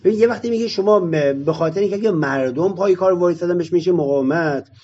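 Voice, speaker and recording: A man's voice: high-pitched, warm tone, a little hiss or hum. Argumentative man, muffled lo-fi sound. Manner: argumentative, explains with rhetorical questions. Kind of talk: debate in a discussion session.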